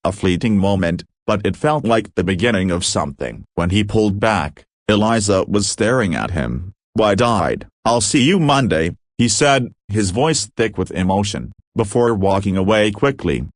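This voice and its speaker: A man narrating a romantic story in a calm, even, scripted delivery. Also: lowish voice, moderate pace, hardly any pauses, no echo, clean studio sound.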